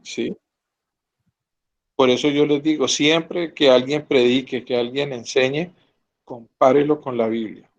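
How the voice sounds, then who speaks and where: A man's voice: medium pitch, steady tone, a little slow, pauses often, highs cut off. Earnest teacher, man. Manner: earnest, asks students to confirm. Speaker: Bible teacher. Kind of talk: Bible class teaching.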